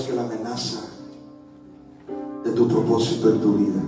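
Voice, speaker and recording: A church elder delivers an impassioned sermon, dropping to hushed tones and then rising to shouts. His voice sits a little high and carries from a distance through a very reverberant sanctuary. Instrumental music plays clearly underneath. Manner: impassioned preaching, swinging between soft and shouted. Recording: echoey church hall from far off, music behind.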